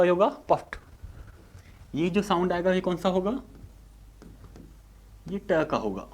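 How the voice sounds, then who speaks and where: A man with a Hindi accent gives an exam-prep lecture in a somewhat higher voice. He keeps posing questions and answering them himself, stretching out the sounds he demonstrates. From India. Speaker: English teacher.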